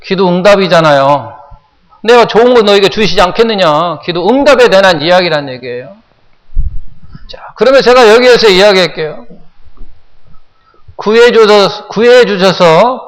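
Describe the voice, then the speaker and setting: A Korean pastor preaching a sermon, often putting questions to the congregation and repeating phrases for emphasis. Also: male voice, sits high, lively intonation, unhurried, long pauses, big-room sound, poor audio. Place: church sanctuary.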